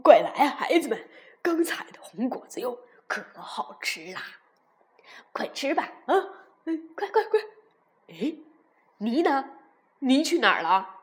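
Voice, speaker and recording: A woman voicing a big, loving male T-rex father who calls out loudly and emotionally in a children's storybook. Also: high voice, sing-song, a little slow, long pauses. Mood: cheerful. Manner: calls out loudly, voice cracking with tears.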